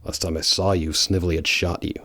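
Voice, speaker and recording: Man as low, brooding Shadow the Hedgehog. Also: little pitch movement, fairly bright tone, no room sound, clean studio sound. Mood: grave, protective. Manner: halting, grave, guarded. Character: brooding, bitter, loyal male hedgehog antihero. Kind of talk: audio drama voice acting.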